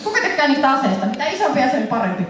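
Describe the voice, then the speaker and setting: A young Finnish woman presenting a lively convention panel to an audience, laughing and acting out scenes in funny voices. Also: sits high. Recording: echoey hall, voice from far off, faint noise.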